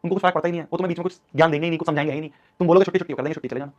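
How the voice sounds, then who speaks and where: A young man in his twenties, an online teacher, delivers a motivational class talk in an urgent, scolding, repetitive way. His voice is a little high and a little mellow, with fairly even intonation and a rapid-fire pace. The stream audio is dull and lo-fi.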